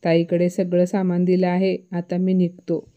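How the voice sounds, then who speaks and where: A woman's voice: on the low side, completely flat delivery, dull audio, lightly acted. A woman storyteller voicing a respectful young man, the visiting brother, speaking politely and in a hurry to leave. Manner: respectful, hurried.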